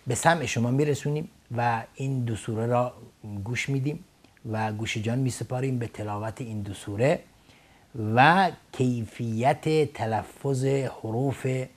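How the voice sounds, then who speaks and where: A man teaching Quranic recitation on a television lesson, speaking in a measured, formal way with frequent hesitation fillers. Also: medium pitch. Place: TV studio.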